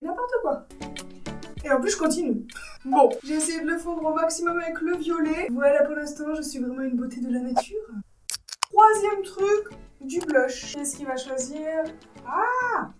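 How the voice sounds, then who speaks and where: A woman doing a casual makeup tutorial, animated and jokey, quick to act exasperated. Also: high-pitched, echoey room, distant mic, faint music behind. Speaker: beauty YouTuber.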